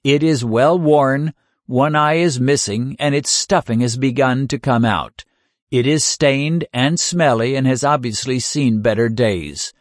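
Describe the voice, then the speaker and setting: A man preaching a sermon in an earnest way, asking rhetorical questions and slowing down to stress key lines. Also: medium pitch, dry recording, clean studio sound.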